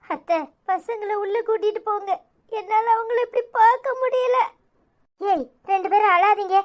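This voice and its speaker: A woman's voice: extremely high pitch, moderate pace. A woman voicing a frantic young village woman who gives urgent, tearful orders, with a Tirunelveli Tamil accent.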